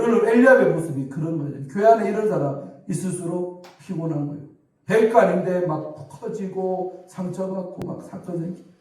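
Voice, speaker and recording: A middle-aged pastor with a Gyeongsang accent, preaching a sermon in a conversational storytelling way and acting out quoted dialogue. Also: male voice, on the high side, mellow, recorded from a distance. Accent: Gyeongsang Korean. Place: church sanctuary. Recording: echoey church hall from afar.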